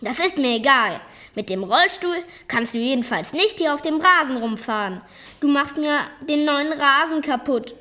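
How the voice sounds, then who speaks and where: A woman voicing an indignant middle-aged man who runs a minigolf course and shouts angrily. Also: fairly high pitch, big pitch swings, slow, heavily acted. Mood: angry shouting. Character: angry middle-aged male minigolf owner.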